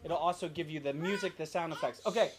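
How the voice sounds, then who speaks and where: Background noise accompanies this middle-aged dad, who talks fast in a voice on the high side. Filming a family vlog at home, he casually guides his family through an activity and an app demo, explaining the steps along the way.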